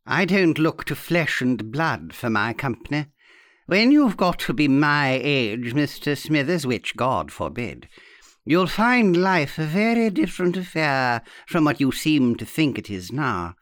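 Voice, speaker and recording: A man voicing a sour, half-blind old woman in an audiobook. She croaks her lines at a slow, dragging pace, a little higher than his own voice. The recording is dry and close. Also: big pitch swings, fairly bright tone, dry recording.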